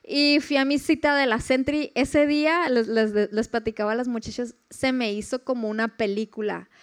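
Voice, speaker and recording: A young woman with a Mexican accent telling a personal faith story casually, animated and acting out the voices she quotes. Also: on the high side, moderate pace, smooth. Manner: animated, acts out quoted voices, laughs often. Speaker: speaker sharing a personal testimony.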